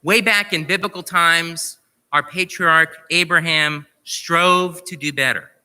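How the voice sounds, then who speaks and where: A man, a rabbi, giving a sermon, telling a story in a measured, conversational way. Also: a little high, bright, forceful tone, smooth. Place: large sanctuary. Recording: reverberant sanctuary on live stream.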